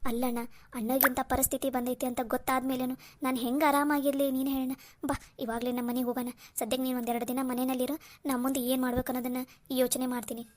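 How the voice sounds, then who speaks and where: An earnest, worried younger sister from a dubbed cartoon drama, as a woman voices her. Her voice sits high for a woman and she presses her brother with caring, scolding pleas. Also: flat delivery, fast, a little mellow, close to an everyday voice. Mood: upset.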